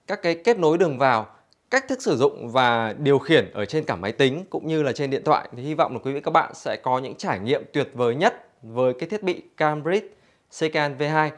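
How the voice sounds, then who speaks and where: A man's voice: on the high side, animated, fairly quick. A man giving an infomercial-like product demonstration for a store, explaining conversationally to customers.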